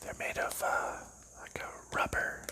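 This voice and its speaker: A man guides listeners through unpacking a board game, keeping to a quiet unvoiced whisper; the pace is slow and soothing, and he names and explains every piece.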